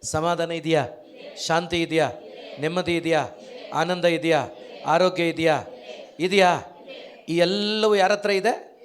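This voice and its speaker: A man's voice: on the high side, slow pace, pauses often. A man preaching an emphatic sermon, firing off rhetorical questions and calling out hallelujahs.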